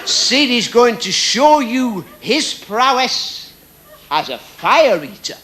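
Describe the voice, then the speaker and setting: A man performing a comic mock lecture on stage as a ventriloquist, with formal, deliberate, mock-scholarly phrasing. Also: extremely high pitch, sing-song. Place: on stage at a live show. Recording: very noisy live stage recording.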